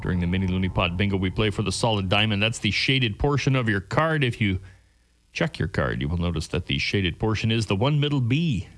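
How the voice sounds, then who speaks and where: Lively radio bingo caller, a man. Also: lowish voice. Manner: formal, measured, courteous announcer delivery. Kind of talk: bingo caller announcing games on local radio.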